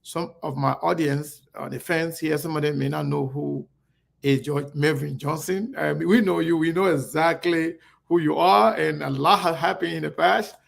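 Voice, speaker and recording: A man's voice: fairly high pitch, fairly even intonation, normal speed, gravelly. A man hosting an interview, speaking in a friendly way with hesitant fillers. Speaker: show host. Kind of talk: interview conversation.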